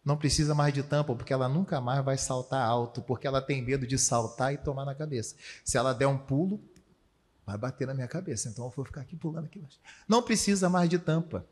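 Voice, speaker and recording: A man preaching a sermon as pastor, telling stories and acting out voices. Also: mid-range voice. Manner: animated storytelling with acted voices. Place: church hall. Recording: long hall reverb.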